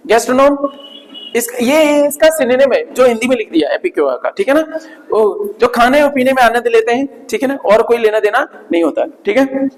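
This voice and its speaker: A male teacher runs a vocabulary class, saying each word over and over at a slow, careful pace. He keeps tacking short check-in questions onto his sentences. His voice rings with a long reverb, as if he is in a large hall. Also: extremely high pitch, lively intonation. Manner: drills pronunciation by repeating words slowly; peppers speech with "isn't it" tags.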